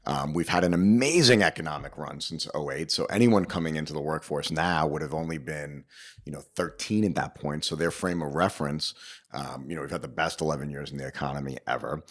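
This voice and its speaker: With an extremely low, brisk voice, a man who owns a business and hosts a show speaks emphatically yet casually in an interview. He hands out opinionated advice and keeps checking in with rhetorical questions.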